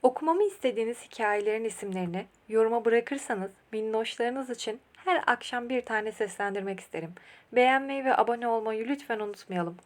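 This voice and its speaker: A woman reading a children's bedtime story aloud in a gentle, expressive way. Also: fairly high pitch, brisk.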